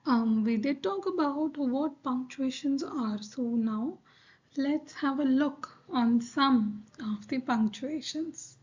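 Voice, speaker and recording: A woman teacher explaining grammar in a patient, slow lesson, repeating her points with fillers like "um" and "right". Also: high-pitched, a little mellow, muffled recording.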